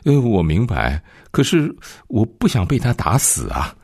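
A man's voice: fairly low pitch, huge pitch swings, a little slow, a little mellow, breathy edge, voice pushed up, heavily acted. A man voicing a hysterical young wife. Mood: panicked. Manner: frantic, pleading.

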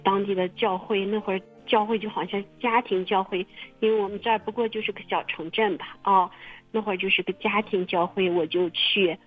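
A woman telling her own story in casual testimony, halting and repeating her words with many fillers. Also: medium pitch, fairly even intonation, faint music behind. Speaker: testimony guest. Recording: muffled phone-line radio recording.

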